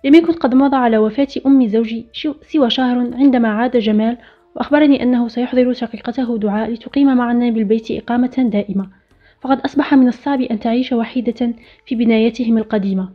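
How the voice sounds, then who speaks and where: Quick, bright-toned woman storyteller. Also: on the high side. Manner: steady first-person storytelling read. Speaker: narrator. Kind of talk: scripted story narration. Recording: dull lo-fi recording with faint music.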